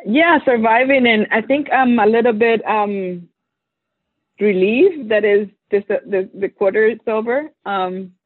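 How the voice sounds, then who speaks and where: A woman speaking as a panel guest in a relaxed, measured, casual way, heard over a tinny, phone-like line. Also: a little high, no echo. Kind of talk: casual conversation.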